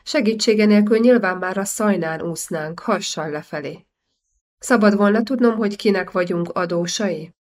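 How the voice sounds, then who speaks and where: A woman's voice: medium pitch, darkish tone, close to an everyday voice. A woman voicing a polite young nobleman who eagerly thanks his rescuer in an audiobook. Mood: grateful. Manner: courtly and eager.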